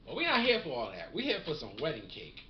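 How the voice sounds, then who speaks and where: A man with a fairly high voice talks fast and casually in slang, smoking as he reviews a cannabis strain. He sounds relaxed and savoring. The recording is roomy and dull, lo-fi with faint noise.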